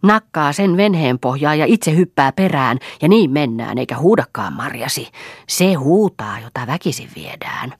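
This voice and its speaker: A woman's voice: low-pitched, expressive, slightly rough, dry recording, studio quality, pitched above the performer's own voice. A woman voicing a bitter old farm mother who screams taunts and mocks with spite. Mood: spiteful.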